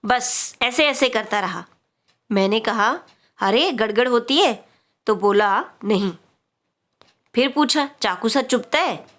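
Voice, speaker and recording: A woman's voice: on the high side, takes it slowly, long pauses, fairly bright tone. A woman reading aloud the lines of a worried father of a sick boy, anxious and plain.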